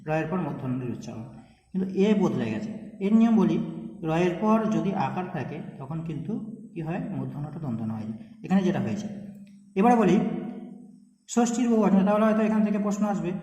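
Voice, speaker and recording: A man's voice: sits high, sing-song, fast, warm tone, muffled recording. A man teaching a grammar lesson. He keeps checking in with his students and draws out and repeats words to show how they are said. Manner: checks in often with questions to students. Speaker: Sanskrit teacher. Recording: echoey room with long reverb.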